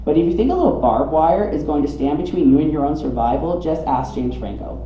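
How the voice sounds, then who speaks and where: Reading his funny personal memoir to a live coffee shop crowd, this Southeastern US storyteller has a slightly high, warm voice and an animated, fairly quick, dramatically wry comic style. The capture is muffled and roomy with a bit of noise.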